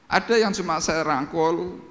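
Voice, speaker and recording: A man with a Javanese accent preaching a sermon at a church service, telling stories with lively delivery and acting out the voices of people he quotes. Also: fairly high pitch, a little slow. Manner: lively storytelling, acts out quoted voices loudly. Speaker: pastor. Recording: reverberant church hall.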